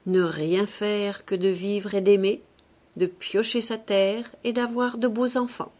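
A woman reading a novel aloud in a measured, expressive narration. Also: mid-range voice. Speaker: audiobook reader. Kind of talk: scripted literary narration.

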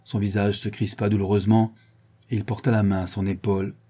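Brief: calm male audiobook narrator, husky and low-toned. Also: brisk. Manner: calm, even storytelling.

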